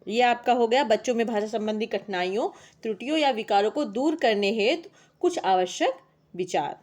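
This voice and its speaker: A young woman teaching a class on language teaching, reading out lists of points in a steady classroom manner. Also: a little high, moderate pace. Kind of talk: exam-prep lecture reading out points.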